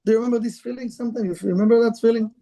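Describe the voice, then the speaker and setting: High-voiced man teaching in broken English. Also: fairly even intonation, rapid-fire, warm tone. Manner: conversational, broken English, asks the room questions. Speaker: Kabbalah teacher. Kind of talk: informal spiritual lecture to a live group.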